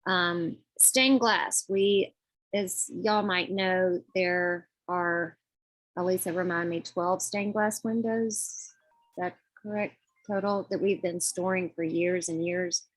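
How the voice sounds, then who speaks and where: Female committee presenter, slightly low pitch, dry close sound, polite, halting, informal delivery. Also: steady tone, no room sound, rough recording. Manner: polite, informal, hesitant with frequent pauses. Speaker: finance committee treasurer presenting budget report. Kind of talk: semi-formal financial presentation on a group call.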